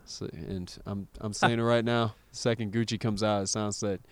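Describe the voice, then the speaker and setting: A man's voice: on the low side, level tone, normal speed, dry recording. A man hosting a casual music chat, laid-back and rambling, full of fillers and restarts. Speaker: podcast host.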